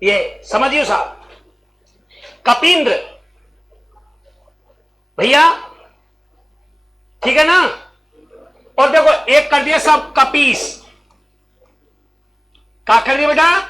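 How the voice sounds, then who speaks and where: A coaching-class teacher from Rajasthan teaches a Hindi grammar lesson in a classroom, calling out questions and repeating his students' answers in a slow, drawn-out delivery. His voice is extremely high and sharp, and the recording is rough.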